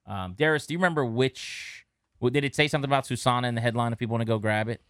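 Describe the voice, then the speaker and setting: A man co-hosting a casual sports podcast, chatty and relaxed as he runs through stats. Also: mid-range voice, racing, smooth, dry recording, studio quality. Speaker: podcast co-host.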